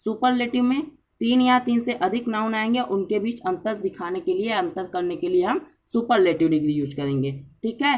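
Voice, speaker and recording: A woman's voice: medium pitch, moderate pace, a little mellow. A woman explaining grammar in a patient lesson, often checking in with her listeners and repeating key points. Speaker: grammar teacher.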